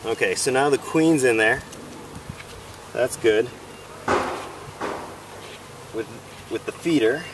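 A first-time beekeeper narrates his work outdoors in a leafy yard, in a hesitant, unsure, self-deprecating casual how-to. His mid-range voice is slow with long pauses, picked up from a distance by a camera amid noisy buzzing bees.

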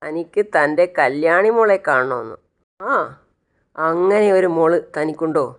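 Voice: mid-range voice, animated, unhurried, lightly acted. A narrator doing a rude office watchman who questions and belittles a visitor in a retold serial. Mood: sarcastic. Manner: blunt, sarcastic questioning.

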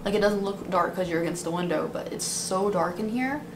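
A woman's voice: mid-range voice, a little fast. A woman in her twenties chatting casually to camera, complaining at length like a vlogger venting. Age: 20s. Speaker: beauty vlogger. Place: small dim apartment room, indoors. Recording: clearly noisy room recording.

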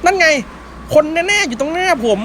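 A young man hosting a gaming channel, giving excited gameplay commentary with loud exclamations and swearing. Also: extremely high pitch, normal speed, slight background noise.

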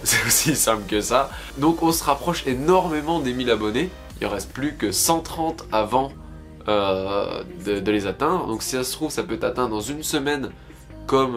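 A young man in a medium-pitched voice. He chats casually to camera like a YouTube vlogger, recorded indoors at home. Music plays behind him. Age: 20s.

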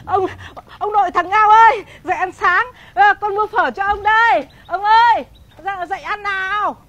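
An actress playing a melodramatic village wife, given to sobbing and wailing laments. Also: female voice, extremely high pitch, expressive, a little fast, lo-fi sound. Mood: fussing. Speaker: actress in comedy film. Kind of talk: slapstick comedy acting.

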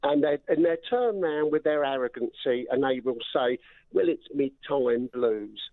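A man's voice: mid-range voice, unhurried, no echo. An older man from England, a phone-in caller heard over a tinny phone line, ranting about politics and repeating himself as he speaks. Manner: angry, repeats words and trails off. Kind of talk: political rant on a call-in show.

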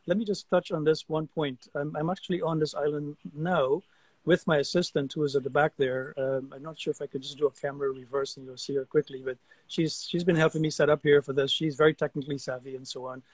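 An older man in his 60s from Guyana, a guest artist, tells stories on a casual video call from an outdoor deck among trees. His voice is a little high and quick, and he's an animated storyteller who often repeats words. The webcam recording is rough but has no echo.

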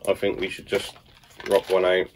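A man's voice: deep voice, monotone, moderate pace, background noise. A British man in his thirties bantering casually and chattily while eating jelly beans. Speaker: challenge host. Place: indoor room, seated at a small table.

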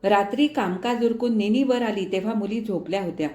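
A woman narrating a novel as an audiobook in an expressive, dramatic reading style. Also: medium pitch, fairly quick. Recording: echoey room.

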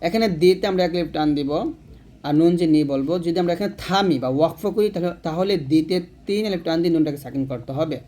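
A man teaching Quran recitation letter by letter, chanting verses slowly and then explaining pronunciation plainly. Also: fairly high pitch, warm tone. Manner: slow drawn-out chanting alternating with plain instruction. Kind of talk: spelling-out recitation lesson.

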